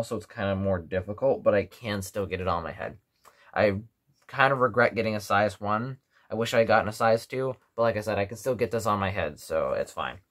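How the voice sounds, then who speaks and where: A tired young man chatting casually to camera in a rambling, low-key way at home. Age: young adult. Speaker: gas mask reviewer. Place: small living room at home, indoors.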